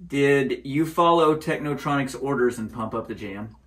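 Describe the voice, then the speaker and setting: A man's voice: medium pitch, normal speed, a bit bright, echoey room. A middle-aged man hosting a podcast, asking questions in an easygoing way and laughing readily. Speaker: podcast host. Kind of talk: casual interview chat. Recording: distant from mic.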